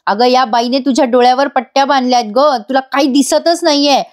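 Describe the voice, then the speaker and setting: A woman's voice: sits high, steady tone, brisk, lightly acted. A woman voicing an angry, hot-headed grown man who scolds his family. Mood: indignant. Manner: scolding, accusing.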